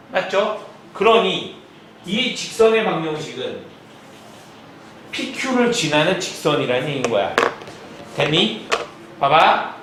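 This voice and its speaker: A man's voice: high voice, fairly bright tone. A young man tutoring math at an academy classroom, lecturing and scolding his students, checking in with them constantly. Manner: scolding, lots of quick check-in questions. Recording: very echoey room, mic far off, noisy.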